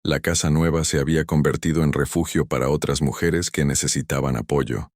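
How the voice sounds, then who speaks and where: Very deep-voiced male storyteller. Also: fairly even intonation, a little fast, no room sound, studio quality. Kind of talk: scripted story narration.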